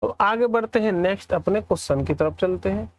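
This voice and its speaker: An Indian man teaches a maths lesson. He keeps quizzing his students, then answers in their place in a quieter, lower voice. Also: a little fast. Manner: asks questions and answers them for the students; drops lower and softer on the students' replies.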